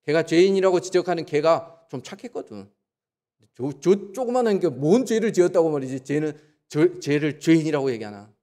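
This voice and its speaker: A man preaching a Sunday sermon in a church, asking the congregation rhetorical questions and acting out quoted voices with sudden jumps in pitch. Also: expressive, moderate pace, mellow. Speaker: pastor. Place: church sanctuary.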